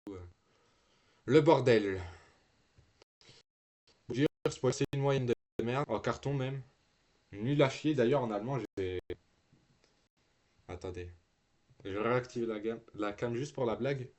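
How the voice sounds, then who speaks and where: A teenage boy streams from his room, talking to his viewers in loose, slangy speech. He swears freely and keeps restarting his sentences, trailing off into fillers as he clicks around. His voice sits at an ordinary middle pitch for a young man. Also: unhurried, long pauses, a little mellow. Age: teens. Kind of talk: casual live-stream chat.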